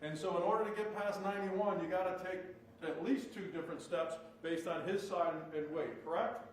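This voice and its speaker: Speaking a little fast in a high-pitched voice, a male defense attorney pushes a witness with leading questions that close on "correct?". It's a courtroom recording, echoey and picked up from afar with faint noise.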